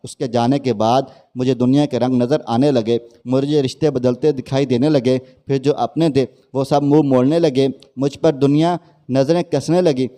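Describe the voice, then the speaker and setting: A man's voice: mid-range voice, steady tone, warm tone. A man reading out a woman's sad first-person story as scripted narration.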